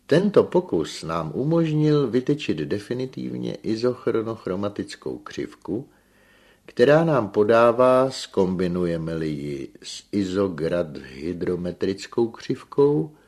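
A man reading aloud and voicing a pompous young male engineer who lectures slowly and emphatically, rolling his R's. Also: on the low side, big pitch swings, a little mellow, voice pushed up. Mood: lecturing. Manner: slow, emphatic lecturing with rolled R.

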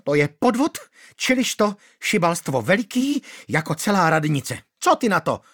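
A man voicing an angry widow who shrieks and scolds her deceitful suitor in a shrill voice. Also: big pitch swings, fairly bright tone, slightly rough, exaggerated voice. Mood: shrill, scolding. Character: shrieking, furious middle-aged widow, woman. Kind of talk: audiobook character voice.

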